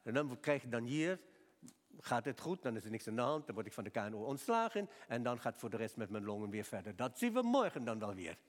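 An older man preaching a sermon, telling a lively personal story and acting out both sides of his talk with a doctor. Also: medium pitch, a little fast, big-room sound.

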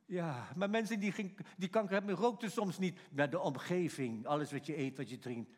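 Man preaching, folksy and emphatic, high voice, long hall echo. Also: moderate pace. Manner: emphatic, folksy, acts out shouted quotes. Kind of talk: sermon.

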